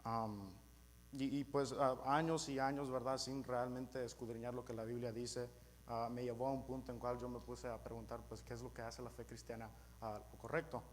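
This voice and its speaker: Halting young man with American-accented Spanish. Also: mid-range voice, little pitch movement. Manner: halting, searching for words, switches between Spanish and English. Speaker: church teacher at a youth service. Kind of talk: informal religious teaching to a congregation. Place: live in a church meeting. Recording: clearly noisy with mains hum.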